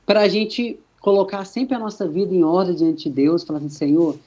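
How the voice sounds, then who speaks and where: A man preaching a sermon, slow and emphatic with many rhetorical questions. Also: high-pitched, dark tone.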